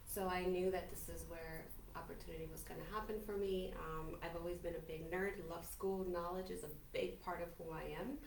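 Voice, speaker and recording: A woman's voice: lowish voice, fairly even intonation, fairly quick, vocal fry, few pauses, far from the mic. A woman in her forties, a native Spanish speaker from Colombia, telling her life story as a podcast guest in a chatty, upbeat, self-assured way. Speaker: podcast guest, business owner. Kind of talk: casual interview talk. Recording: roomy, from off-mic, faint hiss.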